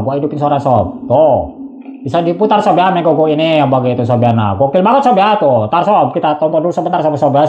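A man's voice: a little high, darkish tone, roomy sound, dull audio. A man narrating a casual tech tutorial, chatty and slangy, constantly addressing viewers.

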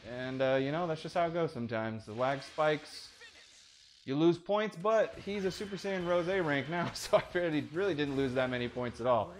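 A man commentating live over his own ranked fighting game matches, excitable and profane, dropping to mutters and then yelping at big moments. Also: fairly high pitch, moderate pace, a little hiss or hum. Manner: excitable, swings between mutters and sudden yelps; profane trash talk at his opponent. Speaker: gaming streamer. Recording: game music loud behind voice.

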